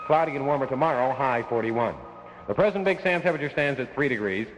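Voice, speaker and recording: A man's voice: medium pitch, expressive, fast, soft background music. Male American local newsreader, mid-range voice, scripted vintage bulletin, reverberant radio sound.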